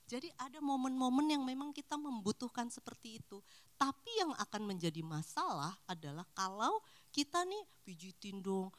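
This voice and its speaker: Animated woman counselor with lively pitch. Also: moderate pace. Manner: animated, acts out little dialogues. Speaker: counselor speaking to a church couples' fellowship. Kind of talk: casual talk.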